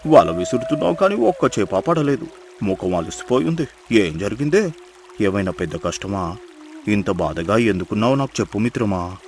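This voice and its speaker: A man voicing a kind, gloomy village fisherman friend in a dubbed cartoon, speaking low and subdued. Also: very animated, moderate pace, darkish tone, soft background music. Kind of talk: cartoon dubbing.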